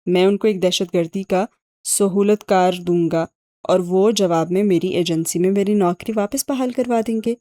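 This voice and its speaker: Here an audiobook narrator, a woman of medium pitch with a dark tone, takes on the role of a sardonic, sharp young man whose uncle is an ex-agent. He explains his schemes with dry sarcasm in a wry mood, and the recording is dry with a natural-sounding voice.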